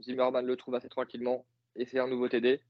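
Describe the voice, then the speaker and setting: A man's voice: medium pitch, completely flat delivery, quick pace, dry recording, muffled recording. A man co-hosting a podcast, casually recapping a football game with many fillers and joking asides. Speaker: podcast co-host, football analyst.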